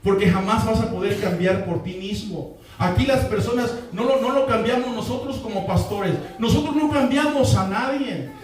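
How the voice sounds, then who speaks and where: A male pastor with a very high-pitched voice preaches a sermon, driving his points home by repeating them and calling for responses from the congregation. His voice comes from well away from the microphone and rings through a strongly echoing church hall. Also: normal speed. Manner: repeats key lines and calls for congregation responses. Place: church sanctuary. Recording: echoey hall, voice from far off the mic.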